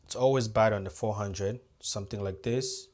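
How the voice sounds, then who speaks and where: A man's voice: fairly low pitch, normal speed, a little mellow. A man giving a hands-on audio tutorial, talking casually to viewers and thinking aloud as he adjusts the equipment. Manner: talks straight to viewers as "guys". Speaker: audio-visual technician.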